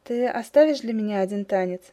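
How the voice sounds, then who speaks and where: A woman's voice: medium pitch, a little fast, warm tone, natural voice. A woman voicing an earnest, courteous young village man who is courting a girl. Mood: eager. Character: young male villager, frank and eager suitor.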